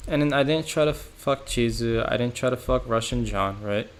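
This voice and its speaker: A young man streams from home in a mid-range voice at a moderate pace. He chats loosely and rambles in reaction to chat, saying "like" and "bro" constantly and laughing often.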